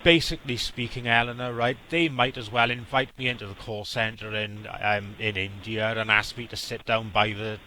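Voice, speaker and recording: A man's voice: fairly low pitch, fairly even intonation, normal speed, few pauses, pushed and bright, slight background noise. A man from South Wales with a Welsh accent, a scambaiter earnestly giving advice over a phone call, often stammering as he restarts. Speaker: scambaiter host.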